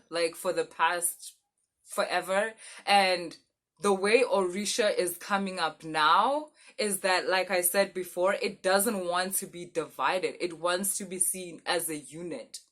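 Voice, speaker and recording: Woman, lower-pitched voice, fortune-teller oracle reader, casual and intimate, emphatic, familiar, rhetorical questions. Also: fairly bright tone. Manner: rhetorical questions and repeated check-ins like "okay?". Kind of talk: casual, intimate spiritual reading to viewers.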